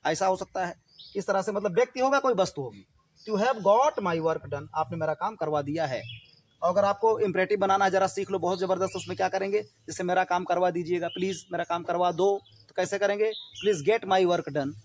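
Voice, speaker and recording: Male English tutor, high-pitched, lively and insistent, faint noise in the background. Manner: energetic, repetitive, coaxing. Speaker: English teacher. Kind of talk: spoken English lesson.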